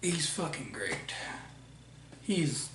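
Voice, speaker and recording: A man's voice: fairly high pitch, very animated, drawn-out words, a bit bright. A young man giving a casual movie review, blunt and profane, often restarting his sentences. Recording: roomy echo, voice far from mic, faint noise.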